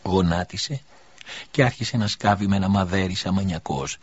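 A man narrating an audiobook with measured, solemn delivery. His voice sits low and husky. The recording has a dull, lo-fi quality. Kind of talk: scripted narration.

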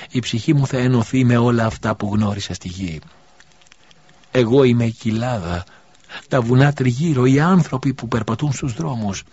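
A man's voice: mid-range voice, a little mellow, pitched above the performer's own voice, lightly acted. A man reading an audiobook voices a dying widow mother who speaks weakly, pleading and tender. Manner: faint, pleading, breathy delivery. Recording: dull lo-fi recording.

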